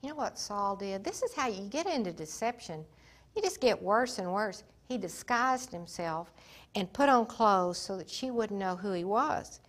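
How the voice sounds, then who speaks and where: A woman delivering a sermon-style Bible lesson at a middling pitch. She retells scripture with dramatic emphasis. Her voice swells on key points and drops to near-whispers for effect. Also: lively intonation, moderate pace. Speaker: Bible teacher. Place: Africa.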